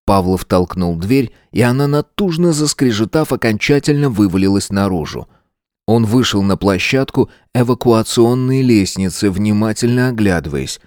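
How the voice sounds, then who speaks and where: Low-voiced man narrating an audiobook. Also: expressive, darkish tone, dry recording, clean studio sound. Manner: measured, tense storytelling.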